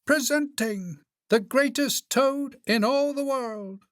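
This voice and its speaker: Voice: high voice, slow, fairly bright tone, dry recording, clean studio sound, pitched above the performer's own voice. A reader voicing a strange, grandiose stage announcer from a dream in a children's storybook, proclaiming pompously. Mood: grand, proclaiming.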